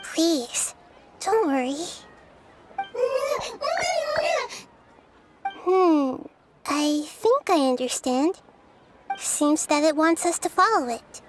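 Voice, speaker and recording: Nahida, high-voiced little wise goddess. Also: female voice, expressive, slow, background noise. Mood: gentle, reassuring. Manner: soft-spoken, thoughtful, articulate. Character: small gentle wise child goddess, thoughtful and kind. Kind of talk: video game character acting.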